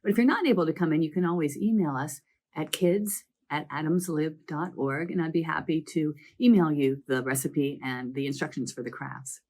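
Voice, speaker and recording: A children's librarian with a summer cold and a croaky voice presents a library program, recounting each book's story in a chatty, lively manner. Her voice is low-pitched and she moves at a moderate pace.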